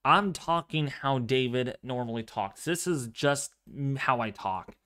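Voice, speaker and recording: A man presents a live severe weather stream at a measured pace, his mid-range voice soft but clear. He keeps a calm, fairly monotone delivery as he comments and talks with the people watching.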